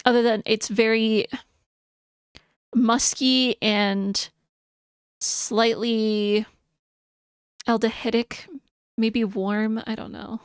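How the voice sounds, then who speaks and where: Woman streaming, kinda high voice, chatty, mumbles while reading notes, dry close mic. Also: vocal fry, no echo. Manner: chatty, thinks aloud, reads notes with soft mumbling. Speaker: VTuber streamer. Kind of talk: casual live-stream chat.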